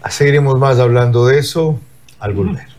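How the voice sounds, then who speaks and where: A man's voice: mid-range voice, over loud music. Formal male talk-show host. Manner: measured, formal introductions. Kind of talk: TV interview hosting.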